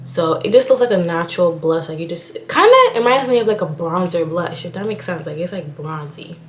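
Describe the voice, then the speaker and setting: In an echoey room with slight background noise, a young Haitian nursing student does a casual get-ready-with-me chat. She talks briskly in a fairly low pitch, rambling and saying "like" a lot.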